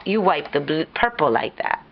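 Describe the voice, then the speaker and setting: A young adult woman gently guiding a small child at painting, encouraging and sing-song with her praise. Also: deep voice, big pitch swings, moderate pace, noisy background. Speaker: teacher helping a child paint. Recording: dull home video, children nearby.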